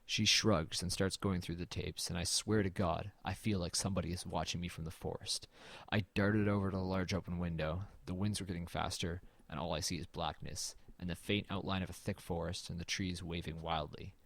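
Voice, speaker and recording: In a first-person horror audio drama, a man plays a brooding narrator exploring a dead man's house, speaking in a measured, uneasy way. His low, creaky voice has a fairly bright tone and fairly even intonation. The recording is very dry with no echo, and the performance is heavily acted.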